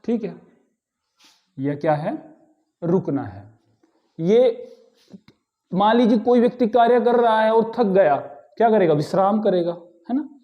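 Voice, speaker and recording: A man's voice: sits high, animated, unhurried, pauses often, highs cut off. A man teaching a grammar lesson, explaining step by step and often checking in with his class. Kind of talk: classroom lecture.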